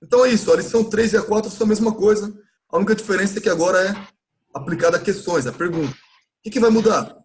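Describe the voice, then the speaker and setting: A Brazilian English teacher, a man whose voice is notably high-pitched, runs a live English lesson presented as an online class recap. Speaking with a Brazilian Portuguese accent, he explains patiently and lengthens words slowly for listeners to copy the pronunciation.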